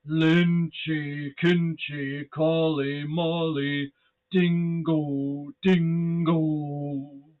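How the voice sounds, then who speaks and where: A man voicing a dog that chants a strange rhyme, loud and sing-song, on a tinny phone-like recording. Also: fairly high pitch, little pitch movement, extremely slow, pitched above the performer's own voice. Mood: loud chanting.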